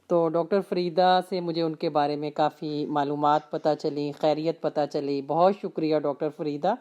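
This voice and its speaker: A woman hosting a condolence gathering, speaking gently and prayerfully. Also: low voice, fairly even intonation, highs cut off. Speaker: host.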